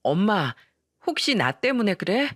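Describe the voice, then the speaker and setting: A woman's voice: medium pitch, sing-song, measured pace, dry recording, studio quality. A woman voicing a frightened teenage daughter who pleads and protests against her father, in a dramatized radio story. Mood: pleading. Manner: pleading, indignant.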